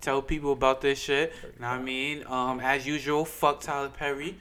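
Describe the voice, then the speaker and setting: Slangy young podcast co-host, noisy mic. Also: male voice, mid-range voice, flat delivery, moderate pace, sharp tone. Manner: loose, slangy, playful banter. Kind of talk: casual chat.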